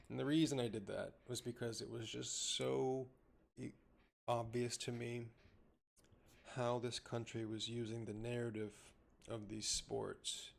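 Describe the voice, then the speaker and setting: A man streaming from home, ranting in a rambling, loud way with swearing and restarts. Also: lowish voice, vocal fry, slight background noise. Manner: says he talks loud. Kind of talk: casual ranting commentary. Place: home room with a cat.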